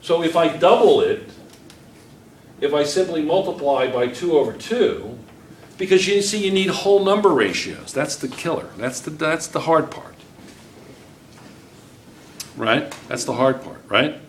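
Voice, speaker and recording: A middle-aged chemistry teacher works problems on the whiteboard, pausing often and speaking a little slowly in a fairly high, expressive voice. He's encouraging and questions his students nonstop. The far camera captures a roomy classroom with slight background noise.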